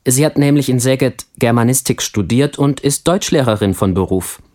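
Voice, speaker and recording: A man playing a calm young family man. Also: medium pitch, moderate pace, natural voice. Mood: friendly, relaxed. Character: friendly young family man, course student. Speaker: language course student. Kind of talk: scripted textbook dialogue.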